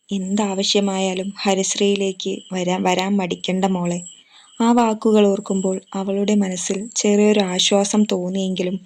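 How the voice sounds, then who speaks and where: A woman narrating a romantic story in a steady, measured reading voice. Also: mid-range voice.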